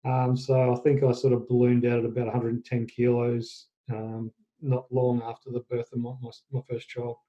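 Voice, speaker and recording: An Australian man in his forties with a very dark, mellow voice that stays flat in pitch. He tells his story as a podcast guest, halting and correcting himself. The audio is dull and lo-fi. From Australia, central Queensland. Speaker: guest, fitness business owner. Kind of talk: casual interview storytelling.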